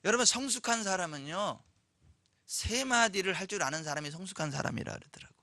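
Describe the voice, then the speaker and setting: A man preaching a Sunday sermon, telling a story with lively acted-out voices and questions to the congregation. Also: high-pitched, brisk, no room sound. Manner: animated storytelling, acts out quoted voices, asks the congregation questions. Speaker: pastor. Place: church sanctuary.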